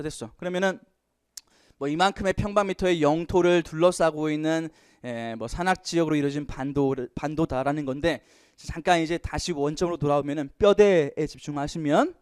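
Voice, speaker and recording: A male English teacher giving an exam prep lecture, lively, asking questions and answering them himself. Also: on the high side, clean tone, dry recording, studio quality.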